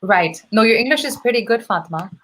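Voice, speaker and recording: A woman teaching English as a live-stream host, chatting casually in clear, simple, encouraging phrases. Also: fairly high pitch, expressive, fairly quick, a bit bright. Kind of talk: casual live conversation class.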